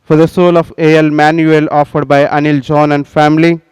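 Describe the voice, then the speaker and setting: A priest speaks into an altar microphone in a large cathedral. His voice is smooth and clear and sits a little high for a man. He intones in a solemn, measured way, with long reverb trailing off each phrase. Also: level tone, a little mellow. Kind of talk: presiding at Mass.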